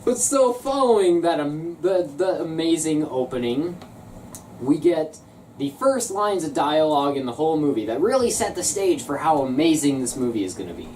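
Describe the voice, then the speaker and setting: A woman with a very low voice reviews a film in a loose, joking way, her pitch swinging widely as she talks. Her tone turns sarcastic. She sounds set back from the microphone, with clear background noise around her. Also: sing-song, normal speed, a little mellow. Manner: sarcastic, bursts into shrieking laughter. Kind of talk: casual comedic movie review. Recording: distant mic with noisy background.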